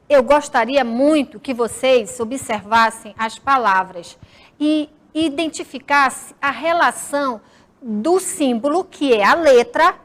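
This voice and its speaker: A woman from the region of Brazil, a teacher giving a recorded school lesson, talking slowly and deliberately and drawing out words for her students. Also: high-pitched, fairly bright tone.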